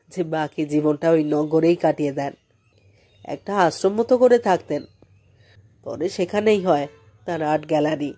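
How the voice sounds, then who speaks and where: A woman narrating a mystery audiobook in a measured storytelling manner. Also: low voice, warm tone.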